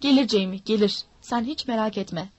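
A woman's voice: a little high, expressive, fast, dry recording, dull audio. A woman doing a sly old pirate. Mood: threatening. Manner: smooth-talking, mocking threats.

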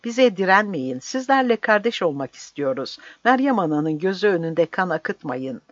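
A reader playing a gentle elderly village priest who pleads loudly for peace. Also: mid-range voice, very animated, normal speed, dry recording, dull audio, voice pushed up, lightly acted. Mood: pleading. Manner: pleading, crying out.

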